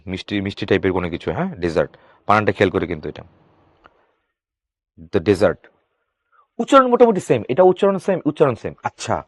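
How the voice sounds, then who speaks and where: A man teaching English for exams, asking his students quick questions and answering them himself. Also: mid-range voice, no room sound, studio quality. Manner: reads English sentences slowly, then explains. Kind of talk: exam-prep grammar lesson.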